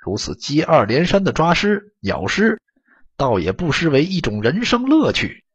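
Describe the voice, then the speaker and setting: A man narrating an audiobook story in an expressive, dramatic storytelling manner, on a dull lo-fi recording. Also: on the high side, moderate pace, slightly rough.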